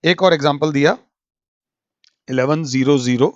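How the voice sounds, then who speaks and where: A man's voice: on the high side, moderate pace, darkish tone, no room sound. A man teaching a maths lecture, mixing Hindi and English and repeating key words for emphasis. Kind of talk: recorded classroom lecture. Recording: dull lo-fi audio.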